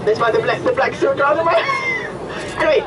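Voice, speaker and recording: A woman with a Hungarian accent, a tour guide giving chatty, joking commentary on a coach, her voice a little hoarse. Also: high voice, huge pitch swings, normal speed, crowd noise. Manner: friendly, chatty, joking with the group. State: slightly hoarse. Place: tour bus. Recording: distant voice with vehicle noise.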